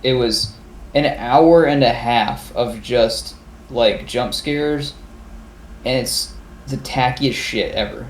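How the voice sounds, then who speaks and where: A man's voice: medium pitch, slow. A man co-hosting a podcast in casual chat, rambling and swearing as he acts out his reactions. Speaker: podcast co-host. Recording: roomy echo.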